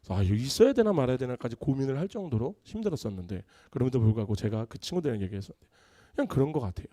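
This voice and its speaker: A man's voice: medium pitch, big pitch swings, racing, dark tone, dry recording, studio quality. A pastor preaching a Sunday sermon, telling stories and acting out his friends' voices.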